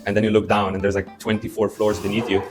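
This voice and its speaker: A young man from Slovenia, an international student, chatting casually in a relaxed, reflective way. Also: fairly low pitch, fast talker, faint music behind. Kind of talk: casual group chat.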